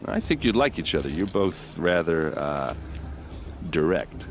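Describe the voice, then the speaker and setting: A friendly, deep-voiced warrior delivers heavily acted game cutscene lines at a measured pace with big pitch swings. Plain-spoken and wry, he boasts folksily about his people, with faint ambient sound behind.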